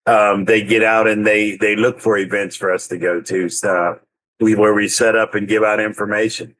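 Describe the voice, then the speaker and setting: A man's voice: lowish voice, little pitch movement, moderate pace, fairly bright tone, rough recording. A man, a veteran ambassador, explaining his group's work in an interview, often stopping and repeating words. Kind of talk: interview answers.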